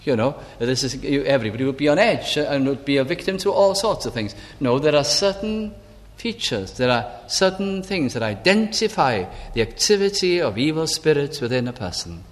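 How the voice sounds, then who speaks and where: A man's voice: a little high, big pitch swings, normal speed. Man preaching in a reverberant hall. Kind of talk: sermon with personal story.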